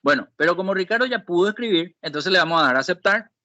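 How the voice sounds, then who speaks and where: A man's voice: high-pitched, expressive, fast talker, bright, forceful tone, no echo. Patient man teaching on a video call. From Paraguay. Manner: patient, explanatory, checks in with "¿sí?". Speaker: Excel instructor. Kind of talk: online class walkthrough.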